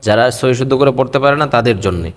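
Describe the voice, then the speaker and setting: A male teacher giving a patient pronunciation lesson on Arabic letters. He repeats each letter slowly, drawing it out in a half-sung way. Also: mid-range voice, animated, in a large hall.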